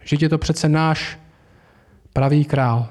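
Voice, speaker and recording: A man's voice: fairly high pitch, steady tone, darkish tone, close to an everyday voice. A man reading aloud as a proud, eager male beaver in a children's fantasy story.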